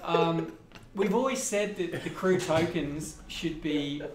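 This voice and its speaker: A man's voice: fairly high pitch, slow. Man hamming up a mock Australian accent. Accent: mock Australian, put on. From Reading, England. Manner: hamming up a slangy Aussie act, calling everyone mate. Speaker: game developer on a live stream. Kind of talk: joking live-stream Q&A. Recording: roomy, faint background noise.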